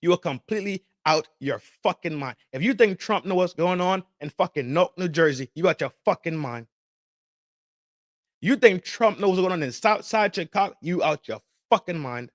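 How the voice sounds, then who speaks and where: High-pitched and recorded at studio quality without echo, a man hosts a podcast. He rants casually about politics in a profane, emphatic way, leaning on street slang and repeated phrases.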